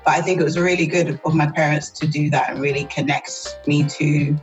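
A woman, a guest on an interview podcast. She talks in a relaxed, chatty and thoughtful way and laughs often. Faint music runs underneath her voice. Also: deep voice, a little fast, muffled recording. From South East London, England. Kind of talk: casual interview chat.

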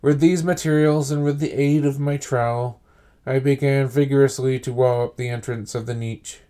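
A man reads a horror story aloud for his podcast. He sets each phrase down deliberately with measured pauses. His voice sits at an ordinary middle pitch. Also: fairly even intonation, warm tone. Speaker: podcast host and reader. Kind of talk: dramatic horror story reading.

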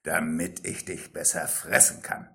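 A man reading the fairy-tale wolf's lines in a low, sly way. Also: flat delivery, unhurried, creaky, a bit bright, exaggerated voice.

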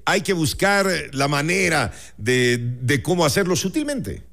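A man's voice: fairly high pitch, sing-song, a little slow, a bit bright. A man hosting a radio interview, asking conversational questions. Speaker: radio host.

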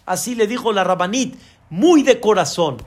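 High-voiced rabbi telling a story. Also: male voice, expressive, normal speed, a little mellow. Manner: dramatic storyteller, voices the women in his story. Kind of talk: sermon storytelling.

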